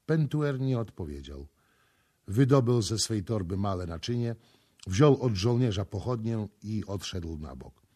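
Husky male audiobook narrator. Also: lowish voice, unhurried. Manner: dramatic, expressive reading.

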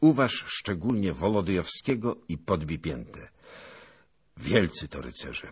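A man voicing a calm, composed young knight who speaks in a measured way. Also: deep voice, slightly rough, exaggerated voice.

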